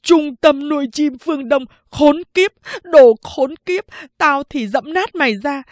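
A woman's voice: extremely high pitch, slow pace, no room sound, voice pushed up. A woman reading a storybook voices a despairing young man who sobs out his misery and then curses in rage. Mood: furious cursing. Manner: sobbing wails, then furious cursing.

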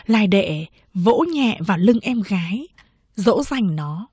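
A woman reads a story aloud slowly and steadily, with a husky, breathy voice. The sound is close and dry, with no room around it. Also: medium pitch, dry recording. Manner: even, measured storytelling. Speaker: narrator. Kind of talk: audiobook narration.

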